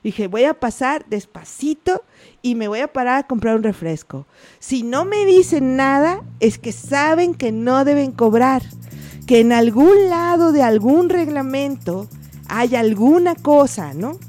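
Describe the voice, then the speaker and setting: A woman's voice: sits high, measured pace, faint music behind. A woman, a guest in an interview, telling a casual anecdote and acting out the voices of the people in it. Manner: animated, acts out the voices of people in her story.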